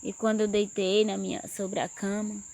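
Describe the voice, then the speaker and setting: A woman's voice: medium pitch, flat delivery, moderate pace, a little mellow. A woman earnestly telling a personal religious testimony. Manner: earnest storytelling, rising intensity. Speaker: testimony speaker.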